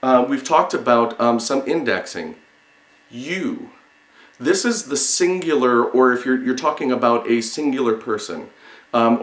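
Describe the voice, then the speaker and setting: In an echoing room, a male sign language teacher with a mid-range voice teaches a lesson word by word. He explains haltingly, repeating individual words and pausing between them, and the sound is roomy.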